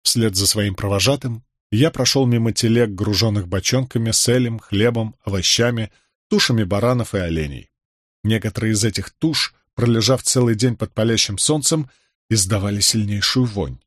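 A man narrating an audiobook in steady first person. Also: fairly low pitch, normal speed, no room sound, clean studio sound. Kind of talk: audiobook reading.

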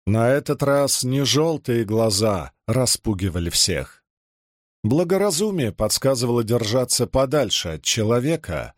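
A man narrating an audiobook in a measured, even reading. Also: mid-range voice, no room sound, clean studio sound. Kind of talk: scripted narration.

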